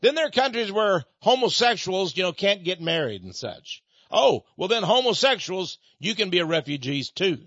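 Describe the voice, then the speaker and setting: A man's voice: sits high, big pitch swings, normal speed, a bit bright, no echo. A man hosting a talk show, delivering an opinionated monologue in a sarcastic, mocking way. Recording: dull lo-fi sound.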